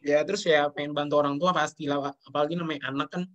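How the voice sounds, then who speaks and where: A young man from Indonesia talks fast in a slightly high voice. He speaks earnestly and keeps addressing the host politely as he tells his story. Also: fairly even intonation, fairly bright tone, dull audio. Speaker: guest sharing his business story. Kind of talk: emotional interview talk.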